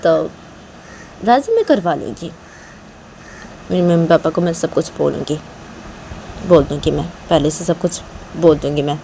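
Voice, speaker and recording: A woman's voice: deep voice, normal speed, vocal fry, long pauses, dark tone, a little hiss or hum. A woman voicing a determined young woman who insists earnestly and repeats her resolve.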